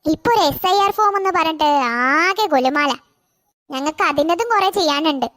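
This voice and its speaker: A kind cartoon schoolteacher giving gentle instructions in a very high, quick voice, as a voice actor plays her. The recording is dry and close. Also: animated, dry recording. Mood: instructing. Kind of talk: cartoon voice acting.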